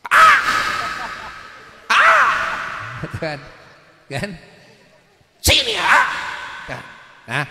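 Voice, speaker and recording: A man delivers a sermon. He keeps checking with his listeners and raises his voice sharply to drive points home. The sound is roomy and rings with a long hall reverb. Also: high-pitched. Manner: keeps asking the audience "ya kan?", with sudden loud emphatic bursts. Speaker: Islamic preacher.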